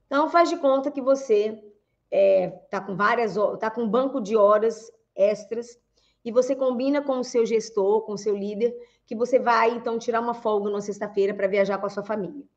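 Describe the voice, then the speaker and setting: In a lecture on communication, a Brazilian woman speaking with a Brazilian Portuguese accent talks a little fast in a voice on the high side. She throws out rhetorical questions, calls the audience "gente," and acts out quotations, all captured in dull audio.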